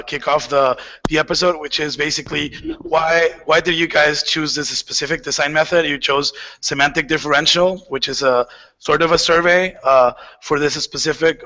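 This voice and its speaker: A man's voice: fairly high pitch, moderate pace, sharp tone. A man hosting an online show, giving upbeat introductions and questions. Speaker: show host. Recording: dull lo-fi sound with long reverb.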